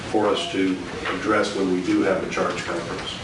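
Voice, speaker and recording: Judge in an echoey courtroom recording. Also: male voice, low voice, little pitch movement. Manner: measured, deliberate, with frequent uh fillers. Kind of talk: formal jury instructions. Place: large courtroom. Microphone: distant room mic. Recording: echoey courtroom, far mic, loud hiss.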